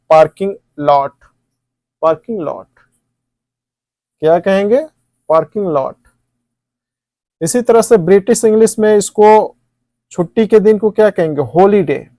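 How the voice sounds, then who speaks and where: A man's voice: high voice, mellow, no room sound, clean studio sound. A man teaching English vocabulary at a board, asking questions and answering them himself. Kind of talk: classroom lesson at a board.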